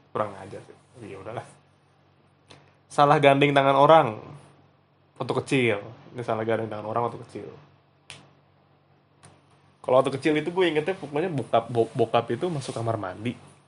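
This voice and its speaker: A man's voice: medium pitch, slight background noise. A young man hosts a podcast, telling funny stories in a casual, slangy way and laughing at himself. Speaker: podcast host. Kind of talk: casual solo storytelling.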